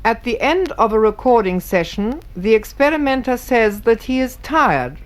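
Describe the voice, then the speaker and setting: A woman's voice: fairly high pitch, sing-song, normal speed. A woman giving formal, scripted narration, reading carefully and precisely.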